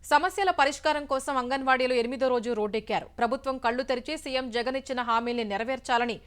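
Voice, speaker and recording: A woman news anchor reading the bulletin in a brisk, formal newsreader manner. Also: high voice, clear, resonant tone.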